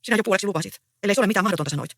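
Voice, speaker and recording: Reader voicing a young peasant woman, earnest, pleading, animated, bright, dry sound. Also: mid-range voice, no room sound.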